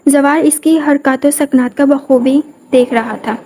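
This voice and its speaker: A woman narrates a romantic audio novel with a high, mellow voice. Her delivery is steady and scripted. The tone is soft and warm rather than bright. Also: slight background noise.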